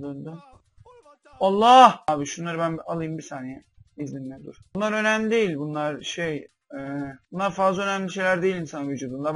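Young man, playful game commentator, slightly high voice, dry mic, faint music behind. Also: no echo. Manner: jokey mock-doctor banter, sudden loud outbursts. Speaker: gameplay commentator.

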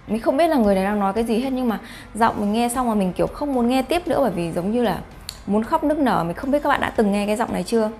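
A woman's voice: on the high side, expressive, fast, darkish tone. A woman vlogger talking casually to her viewers, often asking them rhetorical questions. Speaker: YouTube vlogger host. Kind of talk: talking to camera about face reading.

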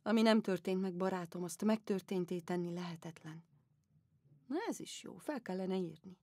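Actress doing a worn out old empress, murmury and half-whispered, dry sound. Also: female voice, lowish voice, no echo, close to an everyday voice. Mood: musing. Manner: soft, musing, drifting into whispers. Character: weary aging empress, aristocratic, wistful. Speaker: actress in a one-woman audio play. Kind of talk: theatrical monodrama audiobook.

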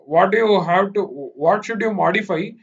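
Heard through dull, lo-fi online meeting sound, this programming instructor speaks with an Indian accent in a high, husky voice at normal speed. During his live lecture he repeats himself and regularly makes sure his students are following.

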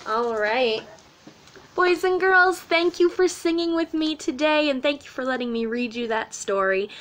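A woman in her thirties who teaches music to children explains things simply and with animation during a story time and sing-along for young kids. Her voice is high, lively, slightly slow and a bit bright, recorded indoors in a small room at home.

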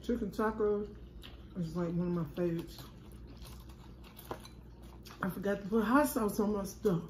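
A woman's voice: mid-range voice, measured pace, roomy sound, a little hiss or hum. A woman vlogging from her dinner table, chatting to viewers and calling them "y'all". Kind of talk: casual chat.

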